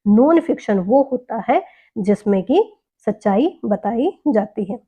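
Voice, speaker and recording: A woman tutor working through an exam paper, reading each English question slowly, then asking and answering her own questions step by step. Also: fairly high pitch, expressive, dark tone, breathy edge. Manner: reads English questions slowly, explains in Hindi. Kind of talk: exam paper walkthrough lesson.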